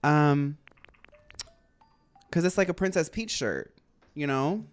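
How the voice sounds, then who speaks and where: A game streamer chatting casually, with an animated, expressive delivery and sassy, girly-pop slang. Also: medium pitch, slow pace, clear, resonant tone, no room sound, soft background music. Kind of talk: casual chat while livestreaming a game.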